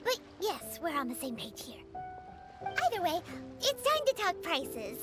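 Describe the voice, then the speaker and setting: A woman voicing a tiny, chattery, cheeky fairy companion with a squeaky childlike voice in a game. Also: very animated, measured pace, over music, heavily acted. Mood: sly. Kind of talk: video game voice acting.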